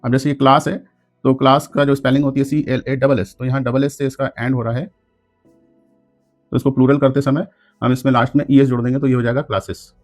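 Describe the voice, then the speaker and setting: A man's voice: medium pitch, flat delivery, fast, soft background music. A man teaching an English grammar lesson in Hindi, explaining rules step by step and spelling words out letter by letter. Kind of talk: classroom lesson.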